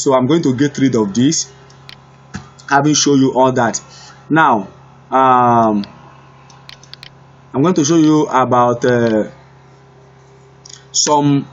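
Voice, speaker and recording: Man teaching code over a dull recording. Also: fairly high pitch. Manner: unhurried, repeats himself, thinks aloud while typing. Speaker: web development teacher. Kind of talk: screen-recorded coding tutorial.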